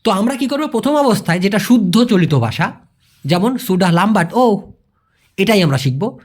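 A man's voice: sits high, expressive, moderate pace, a little mellow. A man teaching an informal language lesson, answering viewers' questions in a chatty way, repeating key words and checking that the listener understood.

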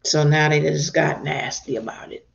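A woman teaching from the Bible in a sermon, reading scripture and breaking in with expressive asides and praise. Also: deep voice, normal speed, gravelly. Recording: dull lo-fi recording.

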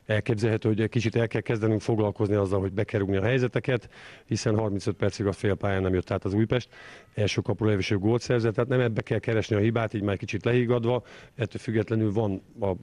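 A man's voice: fairly low pitch, fairly even intonation, darkish tone, no echo. A man, a coach answering in a restrained, guarded way in a post-match interview. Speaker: football coach being interviewed. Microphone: handheld interview microphone held close.

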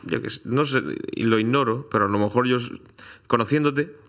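A man's voice: medium pitch, fairly quick, fairly bright tone. A man from Spain co-hosting a comedy chat, needling his partner with dry sarcasm. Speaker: comedy podcast co-host.

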